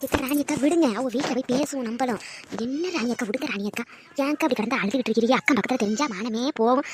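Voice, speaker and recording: A woman voicing a young married neighbor in a cartoon drama, coaxing and calming an upset friend. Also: a little high, rapid-fire, background noise, natural voice. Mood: soothing. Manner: soothing, coaxing persuasion.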